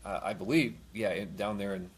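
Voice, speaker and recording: A man's voice: lowish voice, steady tone, fairly quick, breathy edge. A man hosting a live missionary interview. He stumbles, repeats his words, and laughs easily. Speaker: missionary host.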